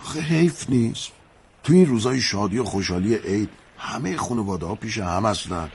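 A man's voice: on the low side, expressive, darkish tone, husky. An actor playing a sentimental middle-aged innkeeper who lectures two feuding brothers with fatherly sayings, in a TV drama. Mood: coaxing. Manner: fatherly, moralizing, quotes sayings. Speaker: guesthouse host mediating between feuding brothers. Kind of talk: television drama acting.

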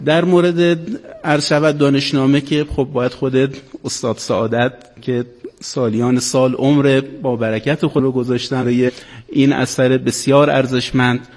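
A man's voice: mid-range voice, level tone, a little mellow. Man giving a speech in a reverberant hall. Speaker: guest speaker, scholar. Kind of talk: formal extempore speech.

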